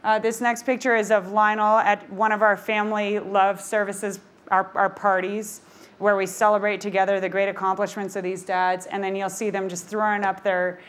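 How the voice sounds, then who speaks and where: A woman who founded a nonprofit, giving a passionate, energetic talk on stage while presenting slides. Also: medium pitch, moderate pace.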